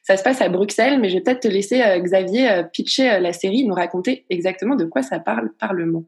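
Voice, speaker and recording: A woman interviewing over a video call, at an average pitch. She gives facts clearly and asks precise questions. Her delivery is businesslike and informative. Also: fast talker.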